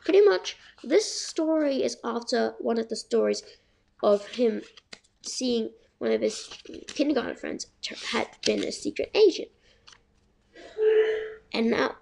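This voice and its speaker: A woman's voice: on the high side, gravelly, a little mellow, slight background noise. A young woman casually reading a children's chapter book aloud, chatty and stumbling over words. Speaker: reader.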